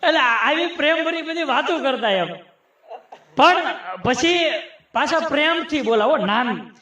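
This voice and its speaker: A man, his voice pitched very high, works a live folk comedy crowd with teasing, chatty asides. He slips into rhythmic recitations of rhyming sayings. The stage mic carries a roomy echo. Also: expressive, unhurried, bright, forceful tone. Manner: chatty, teasing, addresses audience as sir. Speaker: folk humorist.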